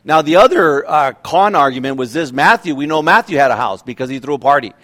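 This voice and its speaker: A man in his fifties preaches in an easy, conversational way. His voice sits a little high for a man, and he keeps asking his listeners questions and restarting his sentences. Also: animated, brisk, fairly bright tone. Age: 50s. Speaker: pastor. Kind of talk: sermon.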